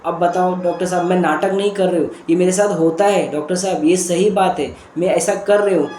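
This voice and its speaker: A man's voice: high-pitched, steady tone, brisk, warm tone, roomy sound, a little hiss or hum, close to an everyday voice. A man voicing a frightened, weeping middle-aged mother who begs her doctor for help, repeating her worries in a pleading rush. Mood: pleading, anxious. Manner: pleading, repetitive, breathless worry.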